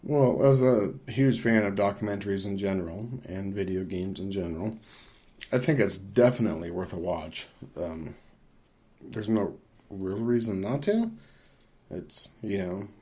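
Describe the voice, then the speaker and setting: A podcast co-host with a lowish, mellow voice talks casually through his opinions on films. He thinks aloud in a measured way during the discussion.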